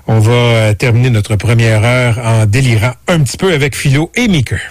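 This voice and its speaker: A man's voice: medium pitch, normal speed, no echo. A man with a Quebec French accent hosting live radio in a casual, conversational style. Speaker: radio host.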